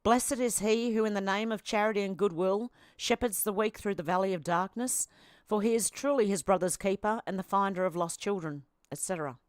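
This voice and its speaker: A woman's voice: mid-range voice, a little fast, no echo, clean studio sound. An Australian woman commenting on online posts, reading them aloud with blunt, sarcastic asides. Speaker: commentary vlogger.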